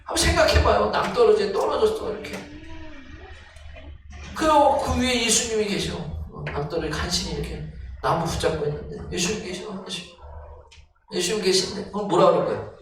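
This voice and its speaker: A male pastor preaching a sermon, asking the congregation questions and rising to near-shouts. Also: high voice, expressive, fairly quick, long pauses. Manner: talks straight to the congregation with questions. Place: church sanctuary. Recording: echoey church hall, distant mic, noisy.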